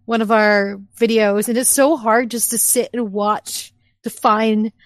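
A woman's voice: a little high, fairly even intonation, a little slow, no echo. A woman guest on a podcast, chatting casually and laughing often. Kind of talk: casual chat.

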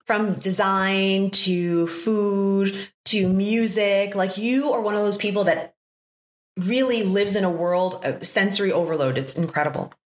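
A woman in her fifties hosting a conversation, speaking warmly and effusively with many fillers. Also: medium pitch, unhurried. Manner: warm and effusive, with lots of fillers. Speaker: podcast host. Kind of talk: casual interview conversation. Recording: echoey room.

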